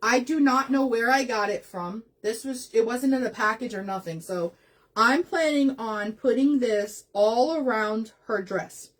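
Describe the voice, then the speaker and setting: A woman's voice: a little high, unhurried. A woman hosting a craft livestream, chatting casually while she works, getting emotional and laughing often as she talks to her viewers.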